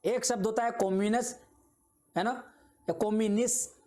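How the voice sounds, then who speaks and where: A man's voice: high voice, fairly even intonation, unhurried, warm tone. A man teaching an exam-prep video lecture. He explains patiently with simple examples, repeats his points and keeps checking in with his students.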